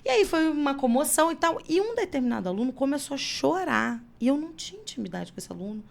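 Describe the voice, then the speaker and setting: A woman teacher, telling classroom stories in a relaxed podcast chat, emotional and lively. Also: sits high, fast, creaky. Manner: animated storyteller who gets emotional.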